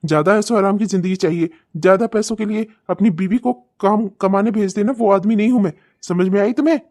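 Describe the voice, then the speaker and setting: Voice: medium pitch, brisk, natural voice. A voice actor playing an abusive, short-tempered husband and father in a cartoon, hurling insults and threats. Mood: raging. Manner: shouting insults, snarling and threatening. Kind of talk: cartoon comedy voice acting.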